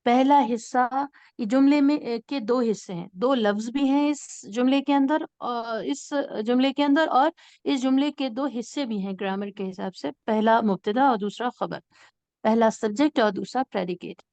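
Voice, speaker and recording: A woman teacher with a fairly high voice explains grammar patiently, repeating key words to make them stick. The sound is dry, with no room echo at all. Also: darkish tone, muffled recording. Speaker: Arabic teacher. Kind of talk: online class lecture.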